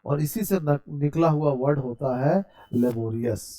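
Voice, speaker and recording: A man teaches a spoken English grammar lesson, walking through it step by step, posing questions to his students and answering them himself, and spelling out words letter by letter. He calls the listener "brother." His voice sits on the high side, warm and unhurried.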